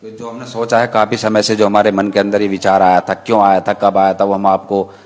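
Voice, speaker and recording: Low-voiced man explaining his film project. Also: level tone, darkish tone. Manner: explanatory, gives quick instructions to a helper. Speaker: filmmaker presenting his animated film. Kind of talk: casual on-camera talk.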